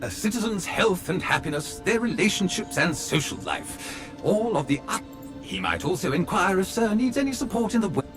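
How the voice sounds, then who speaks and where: A man's voice: sits high, lively intonation, moderate pace. A man voicing a polite, fawning male butler robot who is formal and obsequious and calls his master sir, in video game dialogue. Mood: deferential. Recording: game audio with background music.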